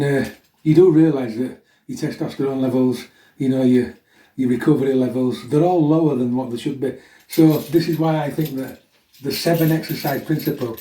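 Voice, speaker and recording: Slightly chesty and mellow, with a medium pitch, a middle-aged fitness vlogger introduces a workout in casual chat to his viewers. He's chatty and blunt, dropping frequent "yeah?" tags while still recovering from a chest infection. The distant mic picks him up in an echoey room.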